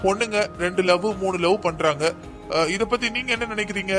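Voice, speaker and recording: A high, quick male voice for a man playing a cocky young cartoon policeman who argues every point. He presses his case in a hurried, insistent way over light music. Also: lightly acted. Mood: arguing. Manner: boastful, argumentative. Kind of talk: cartoon dubbing.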